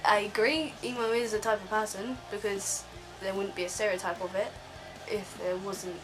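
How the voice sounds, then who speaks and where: A woman's voice: medium pitch, steady tone, normal speed, over music, poor audio. A teenage girl ranting casually in a vlog from her bed, rambling with lots of ums. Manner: rambling, filler-heavy, frequent ums. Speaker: vlogger.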